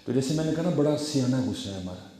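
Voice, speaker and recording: A man preaching a story sermon, turning from hushed asides to loud exhortation and addressing his listeners respectfully. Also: mid-range voice, animated. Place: Friday gathering in a large echoing room. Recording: very echoey room.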